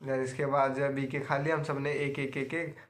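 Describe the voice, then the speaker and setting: A young man casually recounting his day for a video diary, rambling and repeating himself as he goes. He sits at a middle pitch, mixes in English words and often breaks into laughs. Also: flat delivery, normal speed. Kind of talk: casual storytelling.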